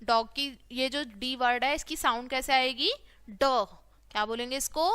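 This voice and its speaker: High, bright-voiced woman teaching phonics slowly. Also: steady tone, clean tone. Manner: slow, drawn-out teaching with repeated questions and answers. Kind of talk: phonics lesson for young children.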